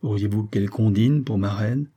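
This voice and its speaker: A man voicing a grave, slightly ironic young gentleman in an audiobook, dry and measured. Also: lowish voice, close to an everyday voice. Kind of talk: audiobook reading.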